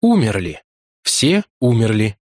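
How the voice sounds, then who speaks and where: A man voices a haunted, grief-stricken male explorer in an audiobook, sounding urgent and at times flat and numb. His voice is medium-pitched, slightly rough, and moderately paced, captured in a dry, close studio sound.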